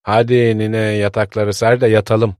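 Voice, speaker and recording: Man doing a gruff old grandfather, fretful, scolding, low voice, dry close sound. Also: little pitch movement, moderate pace, darkish tone, no room sound, lightly acted. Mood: weary. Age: older.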